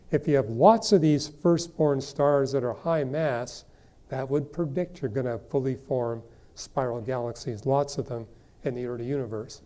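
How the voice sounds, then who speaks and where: An older man answering listener questions at length in an explanatory, steady way with frequent fillers. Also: mid-range voice. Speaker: guest astronomer answering questions. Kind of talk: live Q&A discussion.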